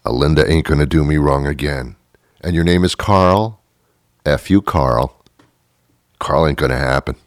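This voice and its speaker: A man's voice: very deep voice, moderate pace, pauses often, no room sound, studio quality. A man in his thirties hosting a talk show, rambling through a sarcastic, self-mocking monologue that often trails off. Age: 30s.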